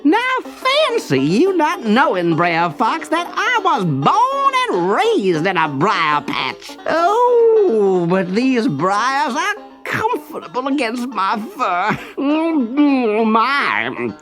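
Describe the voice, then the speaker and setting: A storyteller voicing a cocky, boastful male rabbit trickster in a very high, drawling, mock-pleading voice. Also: wildly swooping pitch, extremely slow, few pauses, a bit bright, faint music behind, exaggerated voice. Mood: smug.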